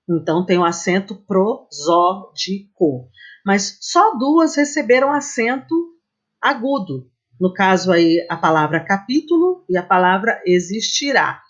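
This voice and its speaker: A woman teacher walks through a grammar lesson at a very slow, unhurried pace. She explains patiently and checks in with her students as she goes. The recording sounds dull and slightly muffled. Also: mid-range voice. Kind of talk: slide-based grammar lesson.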